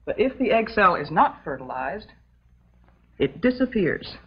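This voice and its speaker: In an old educational film, an actress with an American accent plays a calm, motherly substitute teacher delivering a scripted classroom lecture. Her medium-pitched voice stays measured, patient, prim and instructive. The soundtrack sounds dull and muffled.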